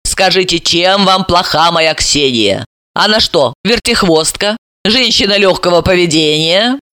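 Brief: a woman reader as a bossy, shrieking aunt, lively pitch and bright tone. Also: measured pace, dry recording. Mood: scolding. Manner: scolding, shrieking, caustic. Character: domineering older aunt, sharp-tongued and shrill.

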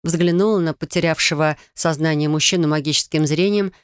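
A woman narrating a first-person fantasy story in an even, expressive reading. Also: sits low, brisk, clear, resonant tone, no room sound, studio quality. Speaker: audiobook narrator.

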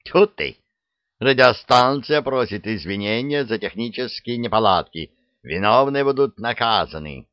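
Man doing a shrill old witch woman, bossy, storybook reading, dull dry sound. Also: animated, a little slow, no room sound, natural voice. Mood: flustered.

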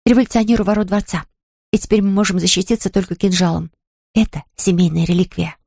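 A woman's voice: medium pitch, fairly even intonation, fast talker, gravelly, a little mellow, no room sound, clean studio sound. A woman voicing a haughty, theatrical young woman. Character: playful young woman acting out roles. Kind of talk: audiobook character reading.

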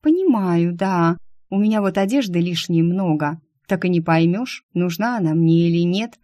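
A fussy young woman who finds fault with everything, voiced by a female audiobook reader. Her voice sits a touch higher than the reader's own and stays soft and mellow. The sound is dry and close. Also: animated, moderate pace, no room sound, close to an everyday voice. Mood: musing. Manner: capricious, fault-finding. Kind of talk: audiobook character voice.

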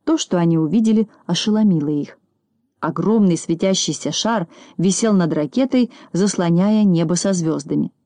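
A woman reads a children's story aloud in a calm, even manner. Her voice is fairly low and mellow. The recording is close and dry. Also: normal speed, no echo. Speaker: reader.

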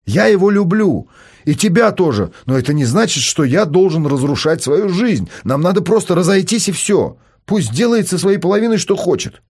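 Guy doing a grown son, calm and earnest, lowish husky voice. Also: moderate pace. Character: calm grown son, newly resolute businessman.

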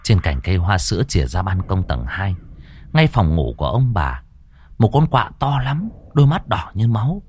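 A man's voice: deep voice, very animated, normal speed, a little mellow, husky. A man narrating a horror story in a dramatic, suspenseful way.

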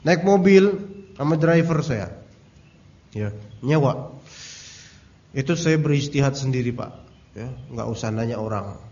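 A man's voice: mid-range voice, animated, unhurried, long pauses, dark tone. A man teaching a religious study lecture in a casual, joking way, telling anecdotes and speaking directly to his audience. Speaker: Islamic teacher. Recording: dull lo-fi recording.

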